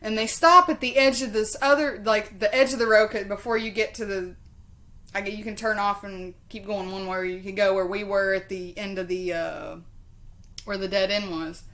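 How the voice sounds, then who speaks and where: A North Carolina woman with a Southern accent rambles through a personal story, casual, sweary, and self-deprecating, like a storytelling vlogger. Her voice sits at medium pitch, a bit bright, with fairly even intonation at a normal pace.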